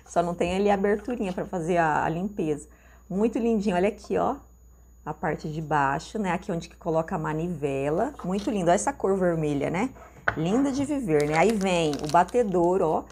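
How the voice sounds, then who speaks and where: A woman from Brazil chatting excitedly to her viewers while unboxing kitchenware at home. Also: lowish voice, a little fast, slightly rough. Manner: chatty and gushing, calls viewers "amores". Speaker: vlogger unboxing and reselling kitchenware. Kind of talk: casual unboxing chat to viewers. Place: home room with a mirror.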